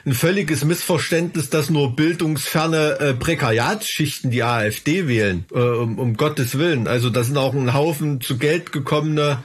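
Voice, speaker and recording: A man's voice: a little high, normal speed, hardly any pauses, slightly rough. A man co-hosting a podcast, chatting casually and sardonically about politics, with frequent hesitations. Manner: sardonic, hesitant with many fillers. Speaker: podcast co-host.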